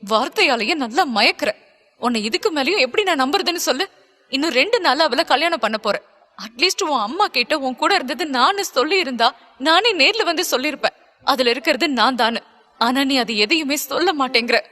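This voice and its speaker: A woman's voice: sits high, lively intonation, fairly quick, bright, forceful tone, in a large hall. A woman voicing a hurt and angry young woman who accuses her lover, in an audiobook. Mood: bitter. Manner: accusing, bitter, pleading.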